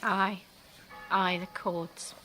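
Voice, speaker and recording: An actress playing a distraught older nurse in classical radio drama, lamenting theatrically. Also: female voice, fairly low pitch, flat delivery, drawn-out words, over music. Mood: breathless. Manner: lamenting, repetitive, theatrical wailing. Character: distraught, wailing older female nurse, servant and confidante.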